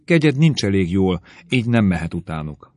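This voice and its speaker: A man reading the part of a courteous, concerned young gentleman in an audiobook. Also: low voice, sing-song, dry recording. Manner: earnest, courteous tone.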